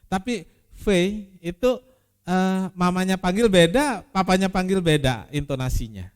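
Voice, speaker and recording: A man preaching a sermon as pastor, repeating key phrases and swinging from loud emphasis to quiet, intimate asides. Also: high voice, lively intonation, measured pace, clear, resonant tone.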